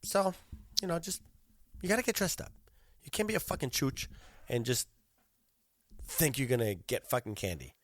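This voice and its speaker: A man's voice: medium pitch, normal speed, long pauses, no echo. Middle-aged guy ranting solo on his podcast, swears nonstop, voice jumps all over, dry close sound. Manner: profane, animated storytelling with frequent swearing. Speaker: podcast host.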